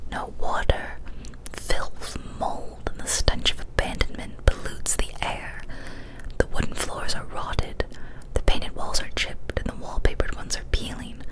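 A young adult ASMR creator, in a small decorated room indoors, whispers scary stories softly and breathily right up against a studio mic on a boom arm, hushed and deliberate. The recording is of low quality.

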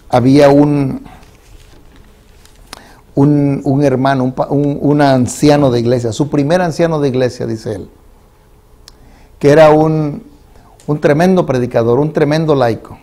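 Pastor preaching in church, kinda high voice but mellow, tells stories and does the voices. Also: male voice. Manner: storytelling preacher, voicing characters in quoted dialogue. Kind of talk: sermon. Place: church sanctuary.

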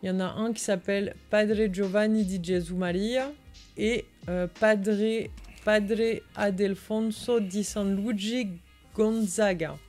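Co-hosting a livestream from an indoor room, a woman whose first language is French translates an article and comments on it as she reads. Her voice is medium-pitched, steady, slow and a little mellow, with music playing in the background.

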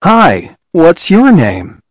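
Low voiced lady quizzing kids for course audio, swoops up and down a lot, slow. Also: wildly swooping pitch, dry recording, studio quality, full character voice. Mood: friendly. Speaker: voice on an English course listening recording.

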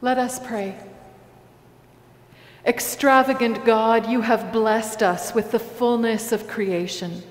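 Woman pastor leading slow liturgy. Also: a little high, steady tone. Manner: slow, measured liturgical cadence. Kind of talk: liturgical prayer and communion liturgy. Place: large church sanctuary. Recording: echoey church hall.

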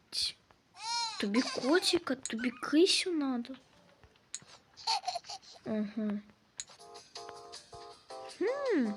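Woman doing a lets play, kinda high voice, slow and draggy, cusses at the characters a lot. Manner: scolding, swearing often, talks to the game characters; slow, drawn-out delivery. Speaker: gameplay commentator. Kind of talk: casual let's-play commentary.

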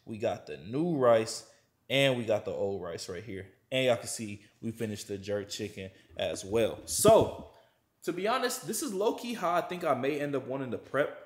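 A man's voice: medium pitch, animated, moderate pace. Young man, casual cooking vlog, slangy laid-back talk, home kitchen, roomy echo. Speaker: fitness vlogger. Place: large home kitchen at night. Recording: echoey kitchen room.

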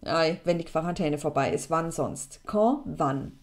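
A woman, explaining French question forms to students in a lively, chatty way. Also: a little slow. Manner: lively, chatty, plays with pitch for emphasis. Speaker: French teacher.

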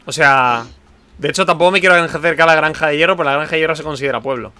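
A man from chatting with friends while playing a game, animated and teasing, with sudden exclamations. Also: fairly high pitch, racing, clear, resonant tone, dry recording. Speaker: lets-play host. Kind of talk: casual game chat.

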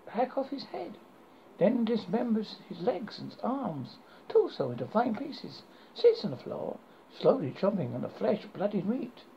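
A British man reading a scary story as a horror host, haltingly and stumbling over his script. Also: sits high, creaky, lo-fi sound, a little hiss or hum.

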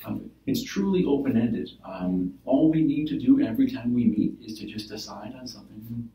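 A man's voice: mid-range voice, moderate pace. A man playing a therapist in a role-play session, explaining patiently and checking in with "right?" as he goes. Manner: explaining gently with many "right?" and "like" fillers. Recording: roomy, from a distance.

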